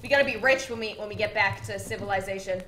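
A woman's voice: mid-range voice, fast, bright, forceful tone, reverberant. A woman streaming a survival game with her partner, chatting casually and thanking viewers with bubbly, jumpy exclamations. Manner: bubbly, reads donations aloud, jumpy exclamations. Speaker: gaming streamer. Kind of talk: casual let's-play chat.

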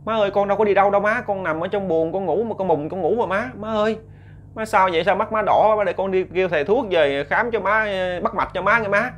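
A man with a Southern Vietnamese accent voicing a worried, devoted adult son who pleads high and fast with his mother. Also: a bit bright, a little hiss or hum. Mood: pleading worried.

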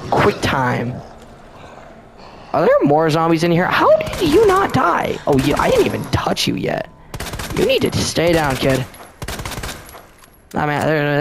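Excitable young-sounding man gaming. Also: fairly high pitch, background noise. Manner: chatty and excitable, talks to the game's enemies. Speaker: gameplay commentator. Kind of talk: casual let's-play commentary.

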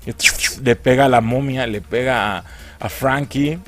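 A man's voice: medium pitch, a little slow. A man giving casual, swearing, laughing commentary as a film trailer reviewer.

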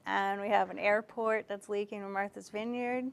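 A woman's voice: mid-range voice, fairly even intonation, moderate pace, vocal fry. A woman, hosting an interview in an informal, chatty way. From Cape Cod, Massachusetts. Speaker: talk show host. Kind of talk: conversational interviewing. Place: indoor studio set lined with bookshelves.

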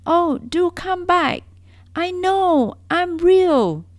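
A timid little toy rabbit with a high, earnest voice that pleads to be believed, as a woman puts him on for a storybook reading. He speaks slowly, his pitch swinging widely. The sound is dry and close. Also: lively intonation, vocal fry, no room sound, exaggerated voice. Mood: desperate. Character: small shabby toy rabbit, timid and yearning.

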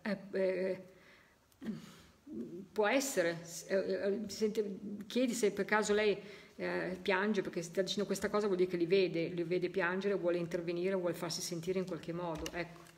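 A woman leading a live spirit-voice session, talking casually and slowly repeating the messages she hears. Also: on the low side, level tone. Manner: slow, drawn-out repeating of heard messages. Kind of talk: live stream commentary.

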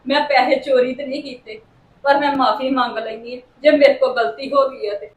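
ਔਰਤ ਵੱਲੋਂ ਰੋਂਦੀ ਮਾਫ਼ੀ ਮੰਗਦੀ ਔਰਤ, ਦੂਰੋਂ ਗੂੰਜ. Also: female voice, high-pitched, steady tone, normal speed, reverberant, recorded from a distance, close to an everyday voice, low-quality recording. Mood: tearful. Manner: tearful, apologetic. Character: tearful accused woman begging forgiveness.

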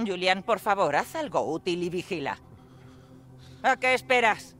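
An actress voicing a calm, commanding older village woman who leads the survivors, in a video game dub. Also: mid-range voice, normal speed, faint music behind, lightly acted. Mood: calm firm.

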